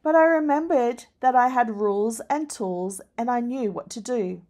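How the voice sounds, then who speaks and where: A woman reading a children's picture book aloud, expressive, with dramatic rises at the scary moments. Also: a little high, soft background music. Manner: slow, deliberate storytelling. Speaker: storyteller.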